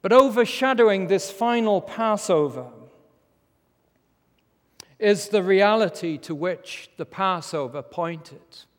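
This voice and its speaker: A British man with a lisp and slushy s sounds, preaching a formal, solemn sermon in measured phrases with rhetorical pauses. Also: high-pitched, expressive. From Britain. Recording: reverberant large hall.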